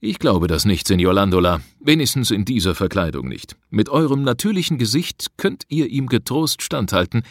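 A man's voice: fairly low pitch, sing-song, normal speed, few pauses, dry recording, clean studio sound. A man reading a nervous, doubting accomplice. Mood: uneasy. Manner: anxious, doubting. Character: nervous, fearful male accomplice.

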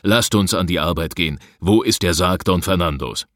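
A man's voice: deep voice, normal speed, fairly bright tone, dry recording, studio quality. A man voicing Landola, a bold and mocking grave robber in an audiobook, giving curt orders. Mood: scornful.

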